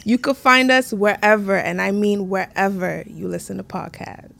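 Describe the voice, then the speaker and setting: A woman in her twenties co-hosting a podcast, chatting casually with quick asides and frequent laughter. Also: mid-range voice, fairly even intonation, gravelly, fairly bright tone. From United States. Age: 20s. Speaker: podcast co-host. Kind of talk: casual chat.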